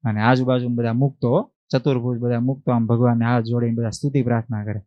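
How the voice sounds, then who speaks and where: Monk telling devotional story. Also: male voice, mid-range voice, fast, no room sound, dull audio. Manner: animated, acts out voices, asks the listeners questions. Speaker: monk giving a religious discourse.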